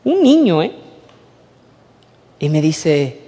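A man with a Mexican accent preaching a sermon, moving from soft, hushed storytelling to emphatic preaching. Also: on the high side, big pitch swings, drawn-out words, husky. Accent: Mexican Spanish. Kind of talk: sermon with personal testimony. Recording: long hall reverb.

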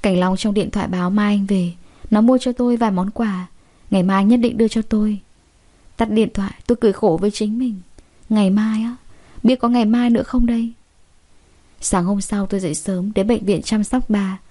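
Mellow-voiced woman narrating a story. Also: medium pitch, fairly even intonation, brisk. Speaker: audiobook narrator. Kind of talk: first-person story narration.

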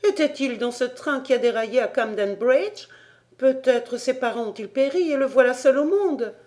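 Jeune dame noble, tendre et attentionnée, lue par une femme. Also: female voice, high voice, moderate pace, mellow, voice pushed up, close to an everyday voice. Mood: tender. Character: kind young noblewoman.

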